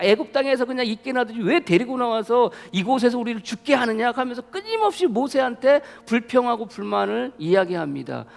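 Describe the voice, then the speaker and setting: A male pastor delivers a sermon in a high, gravelly voice. He keeps putting rhetorical questions to his congregation, building in intensity. The sound carries a long reverb from a church hall. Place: church sanctuary.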